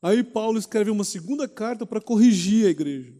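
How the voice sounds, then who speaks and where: A pastor teaching a Bible study in a conversational preaching manner, often asking rhetorical questions. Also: male voice, high voice, animated, a little fast, warm tone, in a large hall. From Brazil. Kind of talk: sermon teaching.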